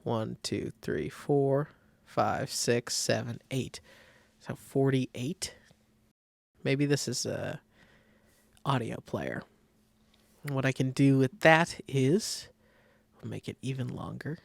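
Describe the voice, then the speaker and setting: Slow and pausing often, a man with a gravelly, creaky mid-range voice narrates his process in an informal, conversational design software tutorial recorded off his screen. The sound is close and dry, with no echo.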